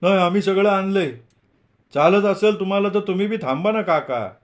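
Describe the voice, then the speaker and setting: A man's voice: sits high, brisk, pitched above the performer's own voice, natural voice. A man reading a novel aloud, voicing a shy, nervous young male student in a raised, hesitant voice. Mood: hesitant, eager.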